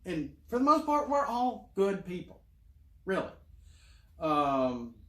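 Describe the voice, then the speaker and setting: A man's voice: sits high, very animated, slow pace, bright, forceful tone, reverberant. A middle-aged man rambling in a casual monologue, full of fillers and restarts. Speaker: YouTuber.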